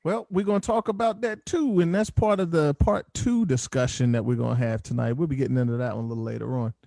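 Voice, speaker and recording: A man's voice: medium pitch, steady tone, fast, vocal fry, warm tone, no echo, clean studio sound. A man hosting a casual group call discussion, conversationally prompting others with questions.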